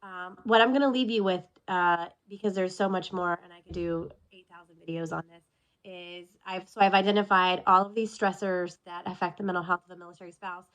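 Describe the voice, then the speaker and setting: In a casual self-recorded video check-in, a military spouse vlogger in her thirties sounds sniffly from allergies as she chats candidly and wanders into tangents. Her lowish voice is steady, brisk, and a bit bright. The recording quality is low.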